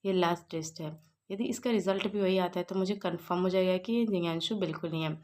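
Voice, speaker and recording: Woman doing a soft-spoken wary young guy, careful, polite, kinda under his breath, storybook retelling. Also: fairly low pitch, fast, lightly acted. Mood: hushed. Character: young man secretly testing his guardian.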